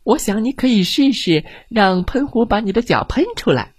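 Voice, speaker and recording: A man voicing a small, clever goldfish in a storybook, high-pitched, chirpy and urgent. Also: expressive, moderate pace, a little mellow, breathy edge, no echo, clean studio sound. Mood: eager. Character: little clever goldfish, eager and helpful.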